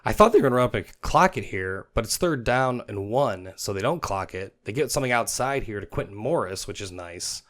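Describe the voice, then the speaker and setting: A young man narrating football clips as a comic voice-over host, joking and dropping into quick silly voices for the players. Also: lowish voice, expressive, fairly bright tone. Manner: jokey, puts on players' voices in quick asides.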